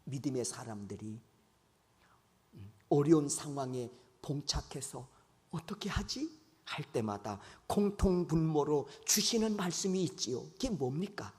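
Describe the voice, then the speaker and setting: A man's voice: mid-range voice, animated, a little slow, darkish tone. A man preaching a sermon as pastor, questioning his congregation and acting out the lines he quotes. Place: church sanctuary. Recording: long church hall reverb.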